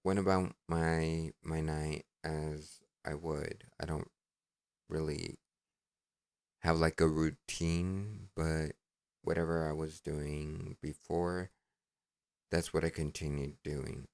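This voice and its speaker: A man tells a dating story in an unhurried, rambling way, often stopping to correct himself. His voice is low and smooth. The recording is dry and close. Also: flat delivery, a little mellow, no echo. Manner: rambling, self-correcting, reads messages aloud. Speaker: vlogger. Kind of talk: casual storytelling.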